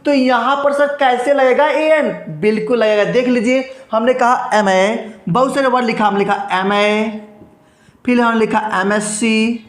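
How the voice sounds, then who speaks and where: A man's voice: very high-pitched, fairly even intonation, measured pace. A man teaching an exam-prep grammar lesson, asking and answering his own rhetorical questions and repeating key points. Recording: echoey room.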